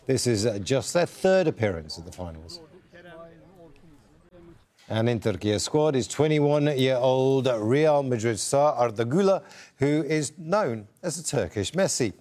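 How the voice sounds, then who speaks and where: A man presenting the news as anchor, with lively, varied intonation. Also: mid-range voice, measured pace.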